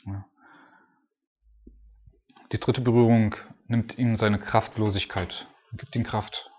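A man's voice: fairly low pitch, flat delivery, takes it slowly, a little hiss or hum. A man preaching an informal sermon, explaining Bible passages in a conversational, folksy way with frequent fillers. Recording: dull lo-fi recording.

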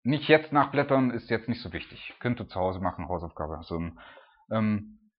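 A man preaching an informal sermon, talking casually with frequent "ne?" tags and sometimes acting out loud, high cries. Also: expressive, normal speed. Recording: dull lo-fi sound.

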